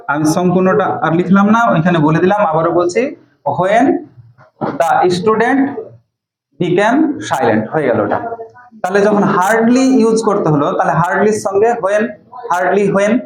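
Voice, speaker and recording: A man teaching English grammar, explaining step by step, dictating example sentences slowly and asking questions he then answers himself. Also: sits high, echoey room, poor audio. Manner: slow and deliberate when dictating sentences, asks and answers his own questions. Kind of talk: classroom-style lesson, explaining step by step.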